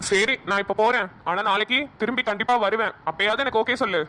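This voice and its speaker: A woman's voice: mid-range voice, fast, bright, forceful tone, natural voice. A woman voicing a brash, teasing young man in a cartoon. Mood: smug. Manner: cocky, teasing. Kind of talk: cartoon voice acting.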